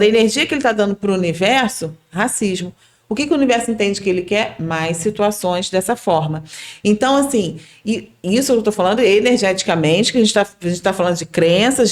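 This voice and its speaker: A woman with a Brazilian accent, a podcast guest explaining her ideas earnestly and checking that listeners follow. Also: fairly high pitch. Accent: Brazilian Portuguese. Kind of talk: casual explanatory chat.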